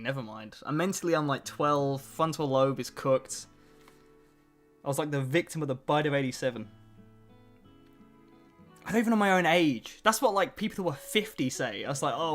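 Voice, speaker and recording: At a normal speed and with lively intonation, a twentysomething streamer chats in a fairly high, fairly bright voice. He jokes about himself and handles chat between tasks, while soft music plays behind.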